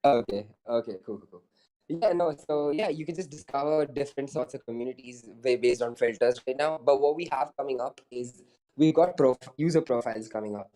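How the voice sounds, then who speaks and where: A man's voice: mid-range voice, a little fast, warm tone, rough recording. A man who founded a startup, answering interview questions over a video call in a rambling way full of fillers and restarts.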